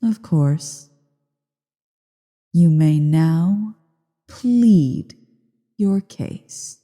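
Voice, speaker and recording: A woman voicing a haughty, menacing ancient dragon queen in a slow, theatrical ASMR roleplay, imperious and full of disdain. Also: on the low side, animated, mellow. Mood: haughty, condescending. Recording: cavernous echo and long reverb.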